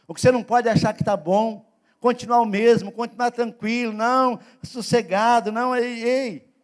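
A man's voice: extremely high pitch, fairly even intonation, normal speed. A man from Brazil, preaching as pastor in a church service, talking in a conversational way that swells into emphatic calls. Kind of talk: sermon.

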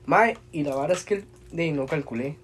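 A man's voice: fairly high pitch, moderate pace. A Costa Rican man telling a story among friends in a casual, slangy, laughing manner. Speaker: podcast co-host. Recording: noisy crowd behind. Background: crowd chatter.

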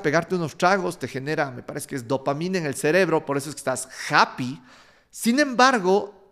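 Brief: 30s male, lively casual vlogger monologue, raised pitch, frank and profane. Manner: animated, frank, swears casually. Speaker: vlogger sharing life lessons.

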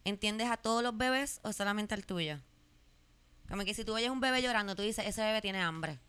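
A woman with a Puerto Rican accent chatting casually as a podcast co-host, animated and quick to joke, dropping English words into her talk. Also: medium pitch, clear, resonant tone. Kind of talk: casual chat.

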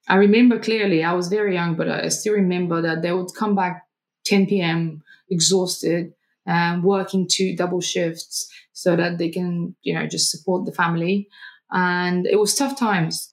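Woman, lower voice. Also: poor audio. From Bulgaria. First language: Bulgarian. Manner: fluent and explanatory, with frequent ums and restarts. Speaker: guest, marketing agency director. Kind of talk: conversational interview answers.

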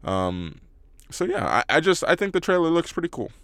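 A man co-hosting a casual film-review podcast, relaxed and a bit hesitant, recorded inside a car on a portable recorder and tablet with low audio quality. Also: moderate pace, creaky, clear, resonant tone, no echo, studio quality. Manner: relaxed, hesitant, repeats words. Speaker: podcast co-host.

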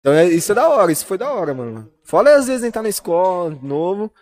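A man's voice: high voice, big pitch swings, fast talker, darkish tone, no echo. A young man from the São Paulo region, chatting on a podcast in slangy street talk. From São Paulo region, Brazil. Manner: slangy, fills with "mano" and "velho". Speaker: podcast guest, musician. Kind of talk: casual chat.

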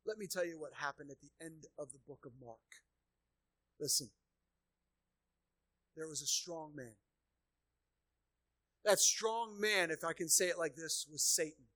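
A pastor preaching a sermon, who repeats key phrases and swings between hushed low passages and loud emphatic peaks. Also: male voice, a little slow, long pauses, no room sound. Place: church sanctuary.

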